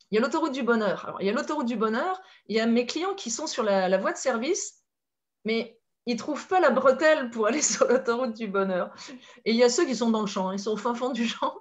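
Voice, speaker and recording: A woman with a French accent talks as a life coach, lively and expressive, often laughing between her points. Her voice sits a little high. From France. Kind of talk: conversational talk with metaphors.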